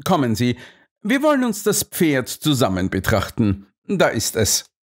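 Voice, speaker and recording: A male audiobook narrator voicing a calm, unshakable detective who speaks with quiet assurance. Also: medium pitch. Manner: composed, unhurried and assured. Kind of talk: audiobook character voice.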